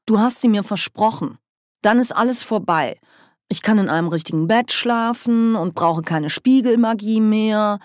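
A woman reading a storybook puts on a vain, not very bright young duke who grumbles and whines at every turn. His complaints come out sulky and halting, full of little stumbles. The sound is dry and close. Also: medium pitch, dry recording, pitched above the performer's own voice, lightly acted. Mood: petulant. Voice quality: whining, sulky. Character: petulant, vain, whiny young male duke.

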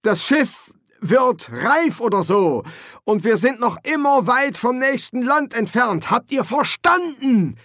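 A man's voice: very high-pitched, big pitch swings, takes it slowly, fairly bright tone, no echo, studio quality, pitched above the performer's own voice, exaggerated voice. A man voicing a harried young male wizard, anxious and sarcastic, his voice raised and strained. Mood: panicked.

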